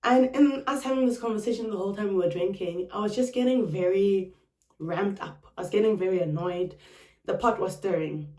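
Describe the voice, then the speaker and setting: A young South African woman vlogger telling a personal story in a dramatic, expressive way, with sharp retorts. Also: medium pitch, brisk. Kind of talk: storytime chat. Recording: roomy, a bit distant from the mic.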